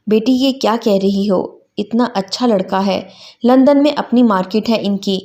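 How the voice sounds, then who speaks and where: A woman's voice: mid-range voice, warm tone, close to an everyday voice. Woman reader as a stern, scolding mother in a storybook reading.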